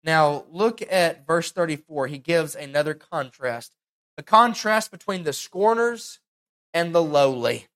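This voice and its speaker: A young man preaching a sermon, earnest and animated, acting out the quotes he reads. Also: a little high, a little slow. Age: young adult. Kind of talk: sermon, Bible teaching.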